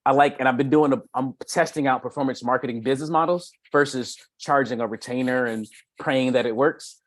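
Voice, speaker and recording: A middle-aged B2B marketing consultant introduces himself casually and unscripted in a meeting, talking off the cuff about his work. His medium-pitched voice is fairly even and quick with no echo, and he often doubles back and repeats phrases.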